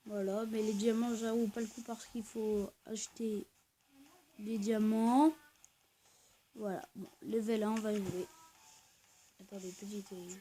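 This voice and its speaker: A woman giving casual gameplay commentary for her video channel, hesitant and soft-spoken, full of pauses and fillers and often trailing off. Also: mid-range voice, little pitch movement, a little hiss or hum, rough recording. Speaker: gaming video host.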